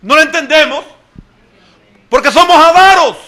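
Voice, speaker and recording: A male pastor preaching with fervor, his high voice bright and cutting. He calls out to the congregation directly, rising to loud exclamations and then dropping to hushed asides. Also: animated, moderate pace. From El Salvador. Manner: addresses the congregation directly and often as "hermano". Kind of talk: sermon.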